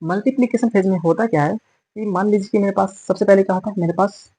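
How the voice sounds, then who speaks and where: A man's voice: sits high, fast, darkish tone, slightly rough, poor audio. A man teaching biology in a classroom-style lecture, repeating and correcting terms as he explains and mixing English words into his talk. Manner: mixes English terms into Hindi.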